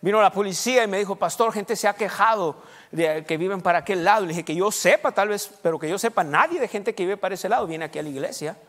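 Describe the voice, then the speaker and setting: Male pastor, high voice, sermon in a reverberant church hall. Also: fairly bright tone. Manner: preaching with questions to the congregation, rushed bursts. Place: church sanctuary.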